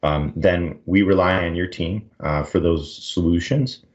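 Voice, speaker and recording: A man's voice: sits low, measured pace, lo-fi sound. A man co-hosting a podcast, upbeat and steering the talk with questions. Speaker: podcast co-host. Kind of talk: casual podcast conversation.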